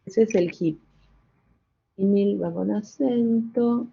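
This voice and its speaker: Older woman, university lecture, slow deliberate delivery, rhetorical questions, self-correcting, muffled lo-fi sound. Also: medium pitch, vocal fry, warm tone, a little hiss or hum. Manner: explains step by step with rhetorical questions and wry asides; self-correcting, checks understanding with "¿sí?" and "¿no?". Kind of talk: classroom lecture.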